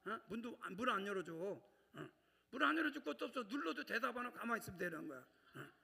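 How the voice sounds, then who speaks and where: Bright-voiced pastor in echoing church. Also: male voice, high voice, big pitch swings, fast, creaky, husky. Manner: conversational, keeps prompting the congregation. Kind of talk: sermon. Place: church sanctuary. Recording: long church reverb.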